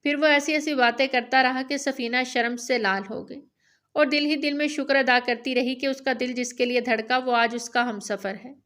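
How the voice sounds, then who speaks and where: A woman narrating a romance novel aloud in a steady, even storytelling manner. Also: high-pitched.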